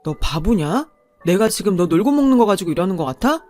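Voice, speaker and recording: A woman's voice: mid-range voice, animated, fairly quick, a little mellow, faint music behind, lightly acted. A woman voicing a scornful, money-obsessed young husband who berates his wife. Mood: berating. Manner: sneering, berating.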